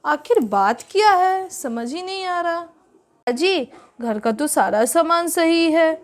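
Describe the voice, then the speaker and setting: A woman's voice: extremely high pitch, lively intonation, slow, exaggerated voice. A woman voicing a puzzled, dutiful grown son in a doll story.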